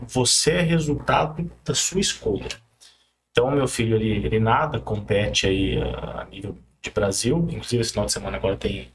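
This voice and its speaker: A man's voice: medium pitch, slight background noise. A man in his forties hosting a podcast, polite and reflective, with hesitant restarts. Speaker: podcast host. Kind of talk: interview conversation.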